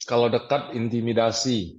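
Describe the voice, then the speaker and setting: A man's voice: medium pitch, flat delivery, normal speed, highs cut off. A man taking part in an online class and giving short, casual answers. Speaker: class participant.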